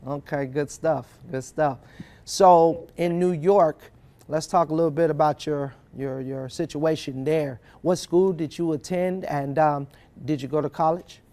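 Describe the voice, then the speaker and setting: A man with a somewhat raised pitch hosting an interview. He keeps affirming his guest with short repeated phrases as he moves to each new question. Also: steady tone, unhurried, warm tone. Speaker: host.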